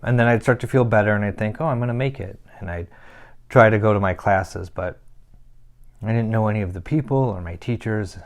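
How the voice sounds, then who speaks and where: A troubled young man, acted by a man, opens up about his past in a deep, gravelly voice. He speaks haltingly, stops often, and picks his words slowly in this dramatic monologue. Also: natural voice. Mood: confessional. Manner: halting, confessional, broken by pauses.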